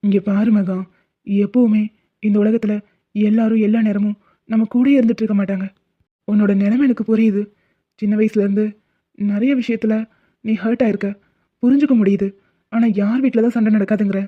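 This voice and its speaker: A voice actor doing a young cartoon boyfriend with a quick temper and a caring heart, who scolds and then lectures earnestly. The pitch sits in the middle, and the sound is thin and tinny, as if over a phone. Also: lightly acted.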